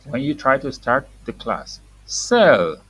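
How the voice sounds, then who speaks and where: Deep-voiced woman teaching a young child to read. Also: big pitch swings, slow pace, fairly bright tone, husky. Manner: simple, patient child-directed explanations with words repeated for a small child. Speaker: reading teacher. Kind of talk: teaching words to a young child, reading aloud and prompting repetition.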